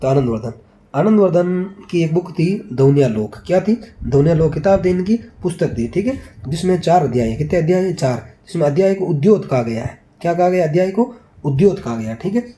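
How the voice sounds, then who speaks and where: Dark-voiced male teacher quizzing himself. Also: fairly high pitch, animated, brisk. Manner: quizzes with rhetorical questions, answers them himself; repeats key points, ends phrases with check-in tags. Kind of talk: exam revision lecture.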